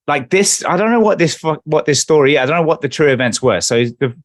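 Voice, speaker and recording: A man's voice: a little high, expressive, brisk, no echo. A man co-hosting a music podcast, rambling and reading lyrics aloud. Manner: rambling, restarts, reads out lyrics. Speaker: podcast co-host. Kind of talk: casual chat.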